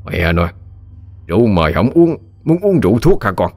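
Hot-headed boastful exorcist, a male narrator doing him, very low, dry close audio. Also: sing-song, brisk, a little mellow, dry recording, faint music behind. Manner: swaggering, scolding, cursing.

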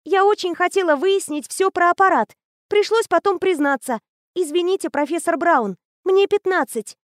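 A bubbly fifteen-year-old girl, as a woman reader puts her on, high and bright as she chatters fast with eager know-it-all excitement. The storybook voice is dry and close, with no room around it. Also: no echo. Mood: sweet, pleading. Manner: rapid, gushing, breathless enthusiasm.

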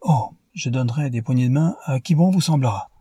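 A man's voice: medium pitch, animated, fairly quick, mellow, husky, dry recording, clean studio sound, pitched above the performer's own voice. A man voicing a cheerful, straightforward American man in an audiobook, with a frank manner.

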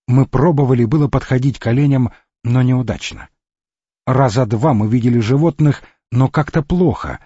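A man narrates an expedition memoir in a measured, steady audiobook reading. His voice is husky and dark. The recording is dry and dull, with a lo-fi edge. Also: medium pitch, no echo. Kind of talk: scripted narration of an adventure memoir.

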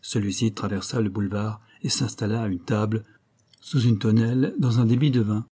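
Voicing a classic detective novel as its audiobook narrator, a man tells the story steadily at normal speed and lifts his pitch whenever characters speak. There's a slight roughness to his voice.

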